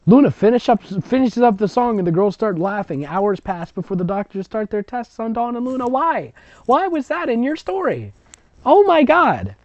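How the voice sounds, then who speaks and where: In a very animated, darkish-toned voice of medium pitch and normal speed, an exasperated narrator reads amateur fiction aloud and interrupts with sarcastic, ad-libbed mockery. The close recording is dull and lo-fi, without echo.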